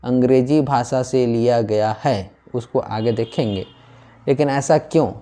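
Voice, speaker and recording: A man's voice: mid-range voice, a little slow, dark tone. A man teaching a Hindi grammar lesson, who asks his students questions and then answers them himself, often repeating key words. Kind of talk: classroom lecture.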